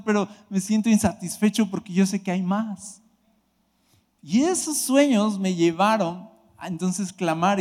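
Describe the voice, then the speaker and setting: Male preacher, high pitch, animated testimony with shouts, reverberant church hall. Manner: emotional, animated storytelling with shouted outbursts. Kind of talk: sermon testimony.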